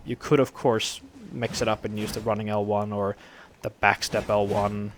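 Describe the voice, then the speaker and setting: Male gamer narrating duels, gravelly from a dry throat, loose and rambling, slight background noise. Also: on the low side, moderate pace. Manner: rambling, relaxed, many fillers. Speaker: gameplay commentator. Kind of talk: casual game commentary.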